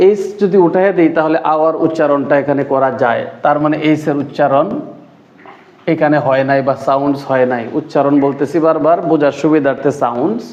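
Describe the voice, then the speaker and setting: A man, an English tutor explaining grammar rules, who repeats key words slowly and asks and answers his own questions. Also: fairly high pitch, a little mellow. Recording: echoey, dull lo-fi room recording.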